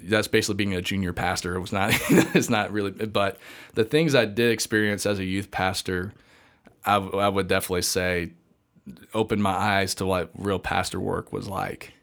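A young man with a slightly low voice talks on a podcast, rambling through restarts, fillers and frequent laughs. He sounds relaxed and conversational. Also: moderate pace, vocal fry. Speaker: podcast guest, seminary student.

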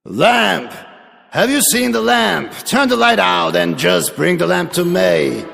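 A woman voicing a gravelly, threatening sorcerer. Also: on the low side, takes it slowly, a bit bright, big-room sound, pitched below the performer's own voice, full character voice. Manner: demanding, threatening. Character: scheming greedy male sorcerer, menacing. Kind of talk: storybook reading. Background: background music.

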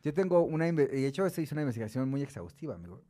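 A man's voice: medium pitch, sing-song, rapid-fire, warm tone. A young man with a Mexican accent co-hosting a casual, slangy, joking chat. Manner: joking, slangy, often laughing. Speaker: podcast co-host.

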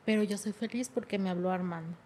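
A woman's voice: mid-range voice, quick pace, dark tone, a little hiss or hum. A middle-aged woman, telling her life story in an emotional way and often repeating her words. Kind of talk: personal testimony.

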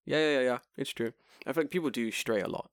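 A man in casual podcast chat who gets excitable, swears a lot and breaks into loud outbursts. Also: mid-range voice, quick pace, dry recording, studio quality.

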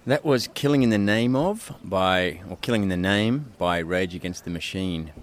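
A man's voice: sits low, moderate pace, slight background noise. A man with a broad Australian accent, chatting casually as a podcast guest. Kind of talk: casual chat.

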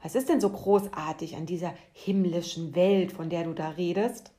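A woman voicing a grumpy, stubborn little male worm in a slowly read storybook. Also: fairly low pitch, close to an everyday voice. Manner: grumbling, then yelling for help. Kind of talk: storybook narration.

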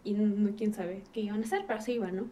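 A woman's voice: mid-range voice, steady tone, fast, warm tone. A woman with a Mexican accent, a podcast guest telling a childhood ghost story in casual, slangy chat. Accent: Mexican Spanish. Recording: distant mic with faint ambient noise.

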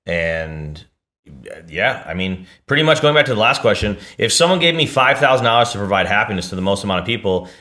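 A man in his forties co-hosting a podcast with his wife, talking in a relaxed, rambling way and often restarting his sentences. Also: lowish voice, fairly quick. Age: 40s. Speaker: podcast co-host, DJ. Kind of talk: casual chat.

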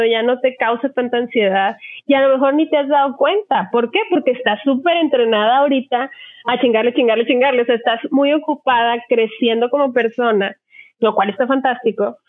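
The voice sits high and moves at normal speed, captured in a dry recording with a narrow, phone-like quality. It's a middle-aged woman psychologist with a Mexican Spanish accent, hosting a casual podcast and discussing things at length.

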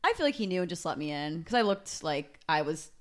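Animated young woman telling a story. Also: low voice, a little fast. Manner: animated storytelling with many "like"s and acted-out quotes. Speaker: podcast co-host. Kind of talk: casual chat.

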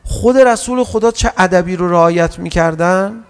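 Male religious lecturer, sermon; gravelly voice, animated delivery with drawn-out chanted verses. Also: high voice, big-room sound. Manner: lively, acts out quoted speech.

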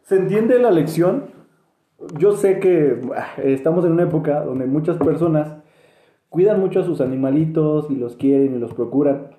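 A man's voice: on the high side, expressive, normal speed, mellow, roomy sound. A man with a Mexican accent, musing in a casual podcast chat, hedging with many fillers. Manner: hesitant and reflective, many fillers and restarts. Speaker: podcast co-host.

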